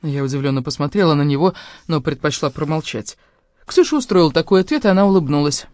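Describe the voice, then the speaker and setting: A woman narrating a romance novel in the first person, with an expressive, emotional reading. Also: low voice, fast, no echo. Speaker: audiobook reader.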